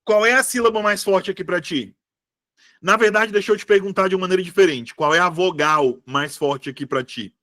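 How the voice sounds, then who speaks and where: A man's voice: high voice, brisk, pushed and bright. A male teacher, giving a casual live online class and checking in with his students all the time. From Brazil. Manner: chatty, asks students constant checking questions. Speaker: Portuguese teacher for civil service exam prep.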